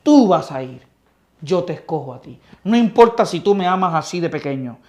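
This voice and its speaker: A gentle, patient Christ pleading tenderly with a disciple, as a preacher puts him on. His voice is slightly high and drops soft and low. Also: lively intonation, moderate pace, close to an everyday voice.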